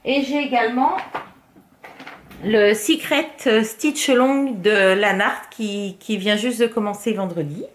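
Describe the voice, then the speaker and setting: A woman vlogger in casual show-and-tell chat, talking her way through her crafts with many fillers and the odd soft murmur. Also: on the high side, takes it slowly. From France. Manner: chatty, filler-heavy, often drops to a soft murmur.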